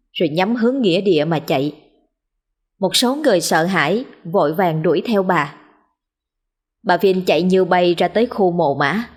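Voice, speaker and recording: A woman narrating a horror story in a steady, grave manner. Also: fairly low pitch, slightly rough.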